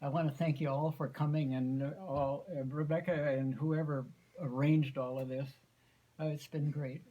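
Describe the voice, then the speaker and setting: An American man in his eighties telling a folksy, unhurried story informally to family, often clearing his throat. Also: on the high side, little pitch movement, muffled recording. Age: 80s. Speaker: grandfather giving an anniversary speech.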